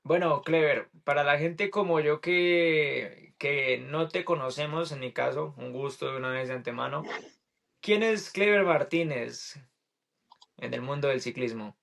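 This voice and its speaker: A man's voice: on the high side, measured pace, gravelly, a bit bright. A man hosting a casual podcast, upbeat and chatty with loose fillers. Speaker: podcast host.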